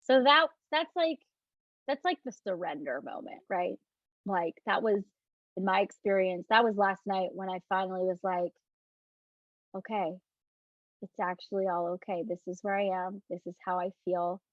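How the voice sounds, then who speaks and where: Speaking in a mid-range voice, she's recorded with no echo but sounds muffled. Her live online talk on self-love mixes breathing prompts and viewer questions, delivered softly with slow, emphatic repetition at times and in a casual, restart-heavy way with frequent "like" at others.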